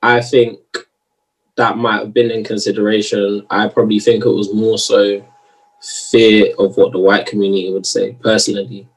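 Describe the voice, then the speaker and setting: A man's voice: lowish voice, flat delivery, normal speed, breathy edge, rough recording. A man with a London urban accent giving his opinions in a casual discussion, emphatic and full of slang.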